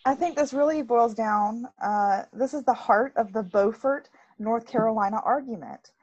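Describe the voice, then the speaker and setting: A woman from the American South co-hosts a casual podcast chat, animated and quick to laugh. Her voice sits fairly high. The recording sounds dull and lo-fi. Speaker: podcast co-host.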